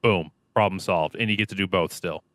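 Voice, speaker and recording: Speaking briskly in a low voice, this young adult man, a streamer and actor, jokes around animatedly as an upbeat podcast guest in a casual interview. The sound is clean studio quality with no room sound.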